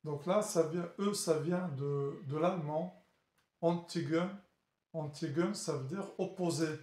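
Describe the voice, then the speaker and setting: Slow, halting man lecturing in an echoey room. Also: a little high, darkish tone. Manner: halting, with many fillers and restarts, checking in with the class. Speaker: chemistry teacher. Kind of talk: classroom lecture at a board.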